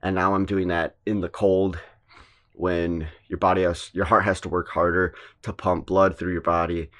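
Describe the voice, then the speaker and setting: A young man talking casually to the camera as a fitness vlogger, in a relaxed and plain-spoken way, thinking aloud with small restarts. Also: low-pitched, moderate pace. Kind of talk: casual vlog talk to camera.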